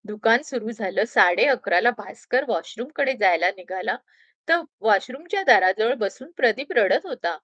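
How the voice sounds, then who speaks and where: Chatty, bright-voiced woman storyteller. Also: mid-range voice, expressive, no room sound, muffled recording. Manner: chatty, with fillers and pauses. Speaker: storyteller and channel host. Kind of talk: story reading with chatty intro.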